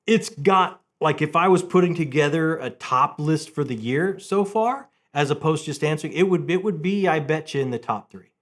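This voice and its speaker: Enthusiastic and casual, a middle-aged host of a book review channel repeats phrases to drive his points home. He speaks with a fairly high, somewhat bright voice.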